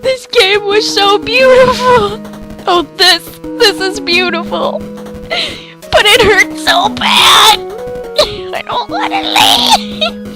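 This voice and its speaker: A young woman with a high voice, crying and swearing as she reacts to the end of a game, with music playing behind her. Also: lively intonation, extremely slow. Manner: emotional, swearing, laughing through tears. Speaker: gamer playing a dating sim. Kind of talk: reading a visual novel aloud and reacting. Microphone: desk mic, no webcam.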